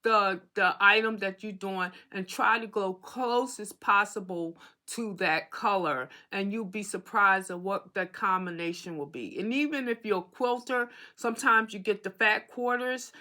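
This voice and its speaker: A woman's voice: medium pitch, measured pace, hardly any pauses, pushed and bright. A woman hosting an embroidery tutorial, explaining materials in a casual, chatty way and often checking in with "okay?". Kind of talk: casual how-to demonstration.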